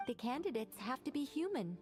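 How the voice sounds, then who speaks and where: A young mage in a video game, composed and formal. Her high voice moves with lively intonation as she gives polite, confident instructions, over light music. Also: brisk. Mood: firm. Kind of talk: English video game voice acting.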